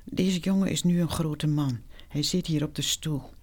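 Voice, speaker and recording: A meditation teacher telling a reflective first-person story in a calm, measured way, dropping to a whisper for quoted speech. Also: mid-range voice.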